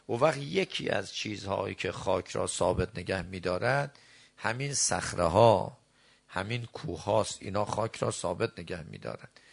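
A middle-aged man delivers a sermon in a gravelly, fairly low voice. He recites lines of verse and scripture slowly, then explains them, breaking into quick asides. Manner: shifts between slow deliberate phrases and quick asides. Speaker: preacher.

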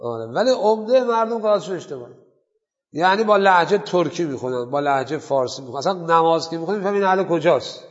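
A man with a high voice gives a seminary lecture on Islamic law. He poses questions to the class and answers them himself. The sound is muffled and lo-fi, with a long reverb tail from a large hall. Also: animated. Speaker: seminary teacher.

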